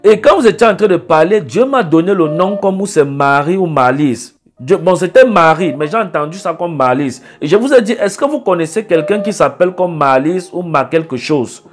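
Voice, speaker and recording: A man's voice: a little high, expressive, moderate pace, hardly any pauses, soft background music. A man acting as a prophet in a call-in consultation, scolding the caller insistently and repeating himself.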